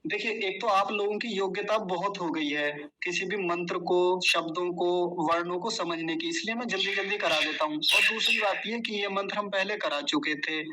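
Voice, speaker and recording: A man teaching the exact pronunciation of a chant, saying each word slowly and then explaining in quick, corrective asides. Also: high-pitched, pushed and bright, a little hiss or hum, poor audio. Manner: corrective, stresses exact sounds. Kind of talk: recitation lesson.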